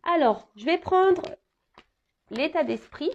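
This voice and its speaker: Woman tarot reader talking casually to viewers, halting delivery full of fillers, slightly muffled recording. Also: sits high, animated, darkish tone, a little hiss or hum. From France. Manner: hesitant, many fillers and restarts.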